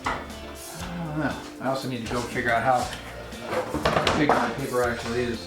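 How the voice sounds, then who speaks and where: A man's voice: medium pitch, steady tone, a little fast, reverberant, over loud music. A man hosting his own project vlog, chatting casually and explaining each step as he works in his home garage. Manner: chatty and self-deprecating, explains steps as he works. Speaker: host of a DIY project channel.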